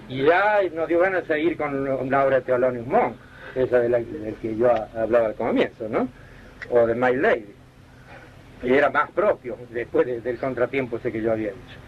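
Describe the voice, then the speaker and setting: A man telling anecdotes in a relaxed, rambling way, often correcting himself and searching for names. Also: mid-range voice, moderate pace. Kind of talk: relaxed spoken storytelling. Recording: dull lo-fi archive recording with faint hiss.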